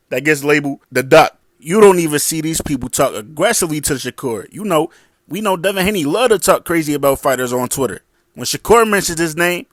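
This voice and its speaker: A man's voice: fairly high pitch, a bit bright, no echo, studio quality. A man giving casual boxing commentary in a blunt, slangy, combative way.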